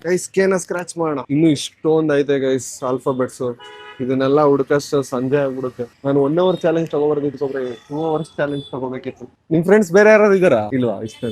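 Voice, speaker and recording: A man films a casual street vlog on a shopping street, politely stopping strangers for a challenge and chatting with his viewers. His voice is a little high and darkish, and he talks briskly with faint music behind him.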